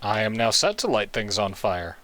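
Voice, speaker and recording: A man's voice: on the low side, lively intonation, normal speed, a bit bright, dry recording. A man hosting a let's play, giving casual, jokey, self-mocking commentary over his gameplay.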